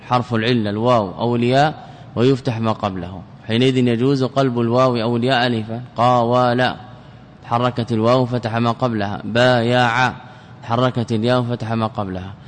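A male sheikh delivers a methodical grammar lesson at an ordinary middle pitch. He works through each point by asking a question and then answering it himself, often repeating key words. His voice carries a long hall reverb over a faint hum of room noise. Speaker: sheikh teaching Arabic grammar.

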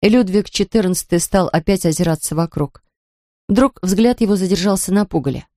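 A woman narrating a children's storybook in an expressive, even reading. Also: fairly low pitch, brisk, dry recording, clean studio sound. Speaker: audiobook narrator.

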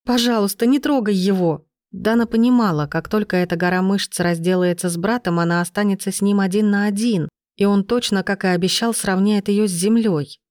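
A woman narrating a dramatic story in steady, scripted storytelling. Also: medium pitch, fairly quick, hardly any pauses, no room sound, studio quality. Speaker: audiobook narrator.

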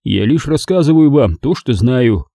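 Male reader as a dark-voiced tough guy, blunt, accusing, lively delivery. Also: mid-range voice, unhurried, no echo, studio quality. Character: dogged male gangster-investigator, blunt and accusing.

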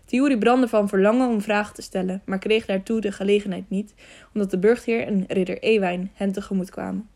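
A woman narrating a children's adventure audiobook in a calm, even way, with the odd slip. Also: medium pitch, brisk, creaky. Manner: calm, even storytelling with small slips.

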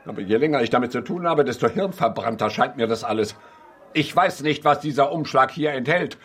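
An actor in a German radio drama playing a grumpy, indignant old professor, fussy, formal and exasperated. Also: male voice, mid-range voice, expressive, fairly quick, a bit bright, husky. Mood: grumbling, impatient. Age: older.

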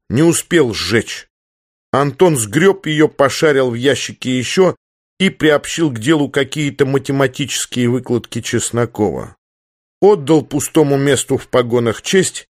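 Guy narrating an audiobook, mid pitch, steady reading, dead dry mic. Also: no room sound.

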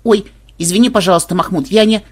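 Eager young girl, a guy putting on her voice, high and squeaky, husky edge. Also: quick pace. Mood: excited. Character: excitable young human girl, redhead granddaughter.

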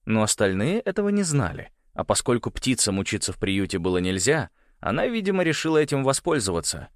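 A man reading a novel aloud in expressive scripted narration. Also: medium pitch, a little fast, no echo, clean studio sound. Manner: expressive storytelling. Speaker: audiobook narrator.

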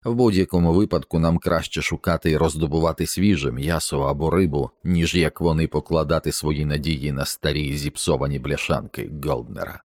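An earnest, worried expedition doctor, read by a man in an audiobook explains his reasoning with care. The voice is very deep and the sound is dry. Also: fairly even intonation, brisk, hardly any pauses, darkish tone, dry recording. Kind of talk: audiobook character reading.

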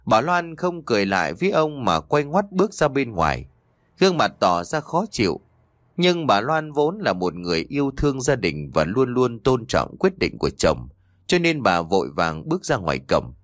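A man reading an audio story in an expressive storytelling manner. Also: mid-range voice, moderate pace, no echo, studio quality. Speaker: narrator.

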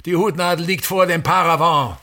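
In a radio drama, a male actor with a fairly high, pushed, bright voice plays a pompous, domineering older theatre director and father. He speaks at a moderate pace, delivering grandiose, repetitive monologues in a pedantic, emphatic way.

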